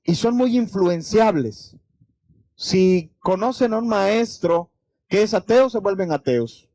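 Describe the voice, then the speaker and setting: A man's voice: high voice, expressive, slow pace, mellow, no room sound. A man with a Mexican accent preaching a sermon as pastor, talking straight to the congregation with many rhetorical questions. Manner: conversational preaching with direct address and rhetorical questions.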